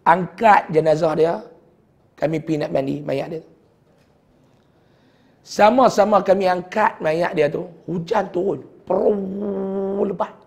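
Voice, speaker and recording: A middle-aged man with a Kedah Malay accent, a religious teacher telling a heartfelt personal story in a sermon, often sinking to a hushed voice. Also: high voice, takes it slowly, creaky, pauses often. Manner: heartfelt storytelling, dropping to a hushed voice at sad moments.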